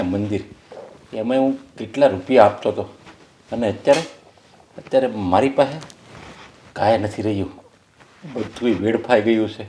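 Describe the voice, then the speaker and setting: An actor playing a middle-aged father ruined by gambling, who swings from quiet pleading to angry shouting. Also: slight background noise, natural voice. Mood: pleading prayer. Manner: pleading low, then shouting angrily. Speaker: father who gambled away his money. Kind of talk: Gujarati short-film acting.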